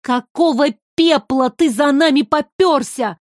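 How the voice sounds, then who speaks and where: Женщина озвучивает смелую властную девочку, которая кричит и спорит. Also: female voice, sits high, measured pace, dry recording, clean studio sound, voice pushed up. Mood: defiant. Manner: shouting, defiant. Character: bold bossy girl riding a dragon.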